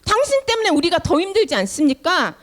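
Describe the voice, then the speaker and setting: A woman's voice: extremely high pitch, wildly swooping pitch, fast, a bit bright, exaggerated voice. A woman voicing angry people who grumble at their leaders in a children's Bible story. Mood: complaining. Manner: indignant, grumbling. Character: angry, complaining crowd of enslaved people.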